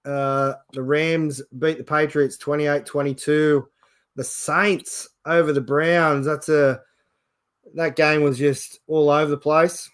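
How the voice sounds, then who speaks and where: An Australian man with a fairly high voice presents a casual sports show. He chats through results as the host, in an informal style. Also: level tone, takes it slowly, fairly bright tone, smooth.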